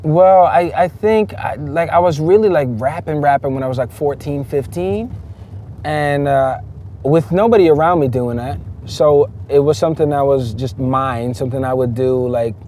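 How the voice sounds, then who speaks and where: A man's voice: on the high side, normal speed, dark tone, slight background noise. A man, a rapper raised in the Netherlands, talking casually in an interview, emphatic and loose, with many fillers and restarts.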